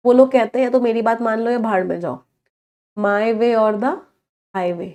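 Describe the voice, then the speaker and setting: A woman with an Indian accent runs a live online exam-prep class. Her voice sits on the higher side. She quizzes the class and spells out each English word slowly and clearly. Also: fairly even intonation, a little mellow. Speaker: English vocabulary teacher.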